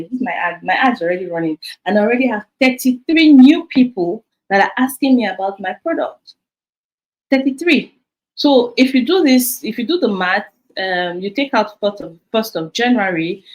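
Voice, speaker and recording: A Nigerian woman in her thirties, a business coach talking to her sales team over her phone, animated and repeating her key points. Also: medium pitch, rough recording.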